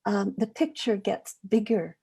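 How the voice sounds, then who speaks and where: An older woman poet on a panel, speaking in a thoughtful, measured way. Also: medium pitch, animated, vocal fry, warm tone, husky. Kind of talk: reflective panel talk.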